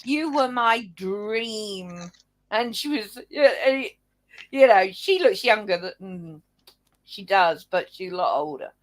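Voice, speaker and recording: A woman's voice: medium pitch, a little slow. A woman co-hosting in a casual, rambling, chatty way. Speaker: co-host. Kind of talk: casual chat.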